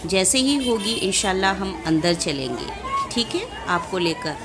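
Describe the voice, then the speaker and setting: Outdoors in a large mosque courtyard, a young woman vlogs her travels on a phone held at arm's length, chatting directly to viewers. Her mid-range voice swings widely in pitch and runs a little slow. A crowd is audible in this noisy outdoor phone recording.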